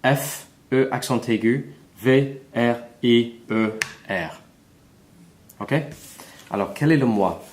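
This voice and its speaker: Man, French teacher, very slow deliberate delivery, spells out every letter, repeats each word. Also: medium pitch. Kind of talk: slow spelling lesson for learners.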